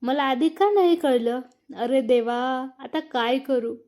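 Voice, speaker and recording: A woman's voice: high voice, slow, darkish tone. A woman voicing a young wife who is hurt and accusing, read as a storybook. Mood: tearful accusing. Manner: accusing, emotional. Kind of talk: storybook narration.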